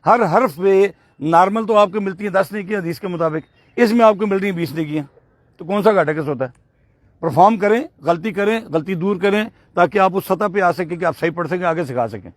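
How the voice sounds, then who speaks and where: High-voiced patient tajweed teacher, dry sound. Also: male voice, dry recording. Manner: patient, corrective, repeats words slowly as models. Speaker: Quran recitation teacher. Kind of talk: tajweed lesson correcting a student.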